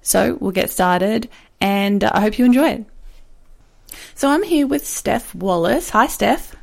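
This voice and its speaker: A woman hosting a podcast, speaking in a relaxed and friendly way with many fillers. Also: medium pitch, unhurried, vocal fry. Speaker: podcast host. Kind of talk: casual podcast interview.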